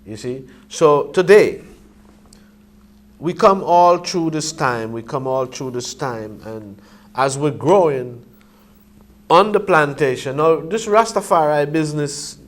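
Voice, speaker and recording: A man's voice: on the high side, lively intonation, takes it slowly. A man with a Caribbean accent speaking in a Rastafarian manner, making emphatic points in conversational reasoning. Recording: clearly noisy ambient background.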